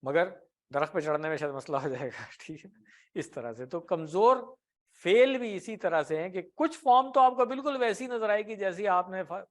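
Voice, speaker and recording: A man teaching Arabic grammar in an Urdu classroom lecture, patiently explaining with everyday examples and asking the class questions. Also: a little high. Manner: often ends points with a tag question.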